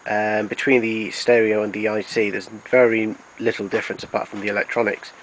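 A man with a fairly low voice narrates an informal demonstration of his tape recorders, speaking like the hobbyist collector he is. His explanations are plain, flat, and a little halting. The rough amateur recording has noticeable background noise.

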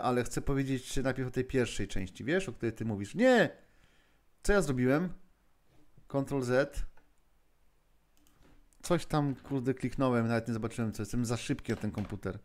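Hosting a live-streamed lesson, a man thinks aloud with lots of fillers and restarts while chatting with viewers and moderators. His voice is mid-range and a little mellow.

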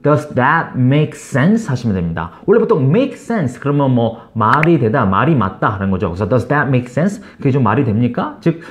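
Lively Korean man teaching English phrases. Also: mid-range voice. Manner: lively, coaching, repeats English phrases slowly. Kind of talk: online English lesson.

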